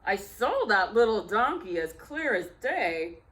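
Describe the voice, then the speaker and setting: Woman putting on a slow, bewildered storybook lion. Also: mid-range voice, very animated, a bit bright, low-quality recording. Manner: slow, puzzled muttering. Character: mean, hungry male lion, bewildered and muttering.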